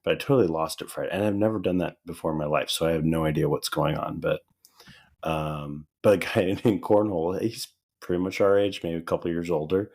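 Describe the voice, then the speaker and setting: A man in his thirties co-hosting a casual podcast, his voice a little raspy and dry from a recent loss of voice, telling stories with easy laughs. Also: sits low, fairly quick. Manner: relaxed storytelling, laughing often. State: hoarse, recovering voice. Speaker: podcast co-host. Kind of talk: casual chat.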